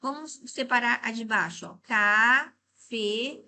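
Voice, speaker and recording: Brazilian woman, middle-aged teacher; bright, fairly high voice; didactic, checks in constantly, drags out words to split syllables. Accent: Brazilian Portuguese. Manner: slows and stresses words to break them into syllables. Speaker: Portuguese teacher. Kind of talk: exam-prep grammar lesson.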